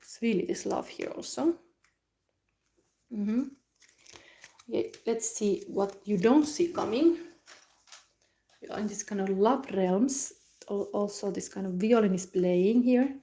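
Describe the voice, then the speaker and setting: A woman reads tarot cards live, her voice mellow and warm at a middling pitch. She talks in a soft, musing way, pausing on hums and restarting her phrases as she turns each card. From Finland. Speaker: tarot reader.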